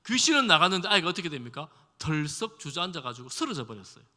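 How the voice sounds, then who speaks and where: A man's voice: on the high side, big pitch swings, quick pace, pushed and bright. A male pastor giving a conversational sermon in a church, asking the congregation questions and acting out quoted speech. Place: church sanctuary. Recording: long hall reverb.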